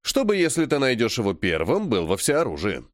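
A man's voice: mid-range voice, huge pitch swings, fairly quick, no echo, studio quality. A man reading the lines of a stubborn, evasive male mage mentor in an audiobook, brusque and dismissive. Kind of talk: audiobook dialogue.

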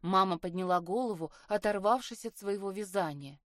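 A woman's voice: medium pitch, dry recording. Woman reading an audiobook, dry studio. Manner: measured, even storytelling delivery. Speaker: audiobook reader. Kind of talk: scripted audiobook narration. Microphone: studio mic.

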